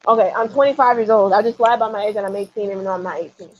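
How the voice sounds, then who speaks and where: A woman's voice: medium pitch, racing. A woman in her twenties, teasing playfully in a casual group chat. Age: 20s. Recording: dull lo-fi audio with faint noise.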